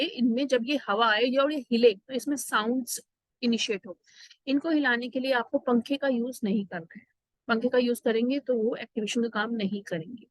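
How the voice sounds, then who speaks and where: Middle-aged woman, instructional to camera, methodical, bright-ish pitch, dry sound. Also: no echo, rough recording. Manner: explanatory, numbered steps, mixes in English phrases. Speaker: astrologer and numerologist giving vastu tips.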